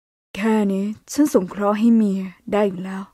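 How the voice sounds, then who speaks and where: A woman voicing a cruel, mocking young man who bullies his wife, speaking slowly in a cold, sneering way. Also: medium pitch, warm tone, no room sound, studio quality, lightly acted.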